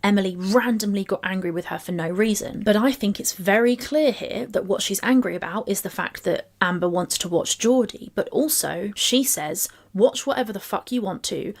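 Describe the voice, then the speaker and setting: A woman commenting on a couple's text messages, reading quotes aloud and analysing them in a measured, analytical way. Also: mid-range voice. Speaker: commentary channel co-host.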